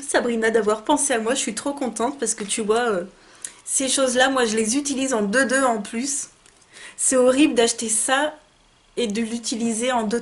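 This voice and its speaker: A woman in her twenties chatting casually and effusively in a beauty haul video, with many fillers and restarts. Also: on the high side. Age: 20s. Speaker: beauty vlogger.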